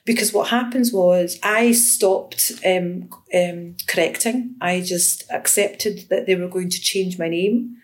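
Talking slowly with few pauses, a woman whose voice sits on the low side describes her research in a conversational interview. She's a Scottish education researcher and lecturer in her fifties whose thoughtful manner comes with many restarts and fillers.

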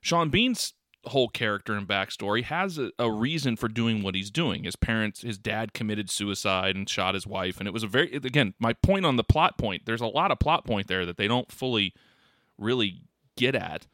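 A man co-hosting a podcast in a casual chat, talking in an animated, rambling, exclamatory way. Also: lowish voice, moderate pace, no echo. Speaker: podcast co-host.

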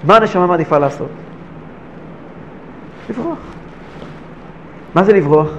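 Very high-voiced man teaching Torah. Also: animated, lo-fi sound, a little hiss or hum. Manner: rhetorical questions, swings between hushed and emphatic.

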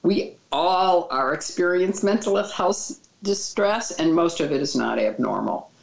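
Low, gravelly woman in an echoey room. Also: unhurried. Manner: calm, reassuring advice. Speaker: child mental health expert. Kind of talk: interview answers. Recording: dull, echoey room sound.

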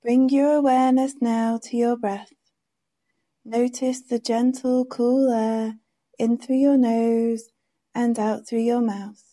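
Woman, meditation guide, very mellow tone, slightly high voice, very slow, soothing. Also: flat delivery. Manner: gentle, soothing, unhurried instructions.

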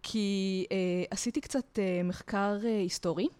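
A woman talking as a guest lecturer in a podcast interview, explaining in a lively, talkative way from memory. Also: medium pitch, clear, resonant tone, no room sound. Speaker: guest lecturer on culture history.

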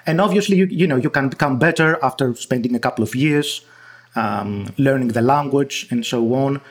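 Interviewed as a guest researcher, this man from Greece talks at a moderate pace with medium pitch and a Greek accent. He explains things hesitantly, restarting often and leaning on fillers.

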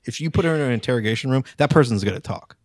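A man co-hosting a podcast, telling stories in a rambling, halting, self-deprecating way over casual chat. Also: mid-range voice, animated, no echo, clean studio sound. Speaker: podcast co-host.

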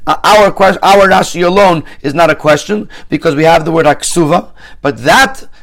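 A man's voice: a little high, moderate pace, a bit bright. A man teaching a Torah commentary lesson, laying out numbered questions methodically and often restarting his phrases as he works through the text.

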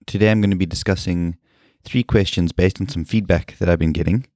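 Deep-voiced man with a scratchy, hoarse voice. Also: steady tone, a little mellow, dry recording, studio quality. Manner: earnest, explanatory, with fillers and pauses. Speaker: podcast host and personal trainer. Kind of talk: solo podcast monologue.

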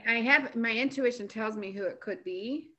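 A woman's voice: a little high, moderate pace, pushed and bright, highs cut off. A woman receiving a psychic reading over a call, speaking hesitantly and carefully. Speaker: client at a reading. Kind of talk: casual conversation.

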